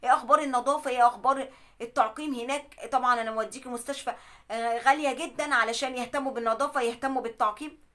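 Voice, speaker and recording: A woman's voice: on the high side, steady tone, racing, pushed and bright. A woman with an Egyptian accent voicing an obsessive husband who is fixated on cleanliness and keeps insisting and nagging. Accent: Egyptian Arabic.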